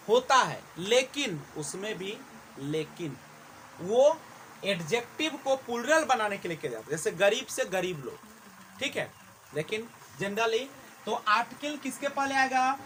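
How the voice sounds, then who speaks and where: A man's voice: high voice, a bit bright, slight background noise, low-quality recording. A man teaching English in a classroom, questioning his students as he explains. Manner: quizzes the class, slow and drawn out. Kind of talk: classroom lecture.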